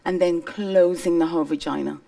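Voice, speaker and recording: Woman speaker from Somalia, lowish voice, earnest stage testimony, a bit off-mic. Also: steady tone, moderate pace, gravelly, mellow, far from the mic. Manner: earnest, emphatic storytelling. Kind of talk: personal testimony talk. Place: stage before an audience.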